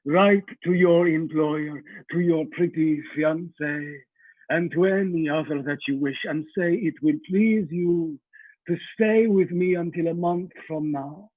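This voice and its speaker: An actor playing a courtly, menacing ancient vampire count in a radio play, speaking formally and ominously. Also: male voice, on the high side, fairly even intonation, a little slow, no echo, phone-quality sound. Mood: commanding.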